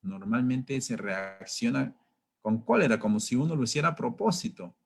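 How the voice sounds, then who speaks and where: A man giving a training talk in a conversational way, asking rhetorical questions and now and then acting out shouting drivers. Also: medium pitch, animated, moderate pace.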